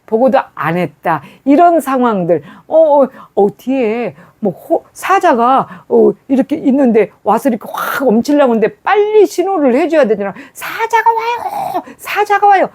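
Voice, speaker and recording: Lively, mellow-voiced woman preacher. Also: high-pitched, moderate pace, hardly any pauses. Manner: hesitant, many fillers and restarts, storytelling. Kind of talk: sermon.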